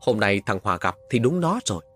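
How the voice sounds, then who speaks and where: A man doing a gruff worried village father. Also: fairly low pitch, big pitch swings, a little fast, soft background music. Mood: hushed, grave. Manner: curt, hushed and grave.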